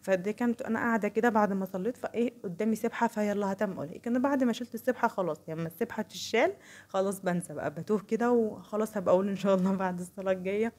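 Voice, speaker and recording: A woman's voice: medium pitch, rapid-fire, a little mellow. A young woman with an Egyptian Arabic accent, chatting casually and reflectively while she crochets, often restarting her sentences. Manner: rambling, self-correcting, reflective. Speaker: vlogger.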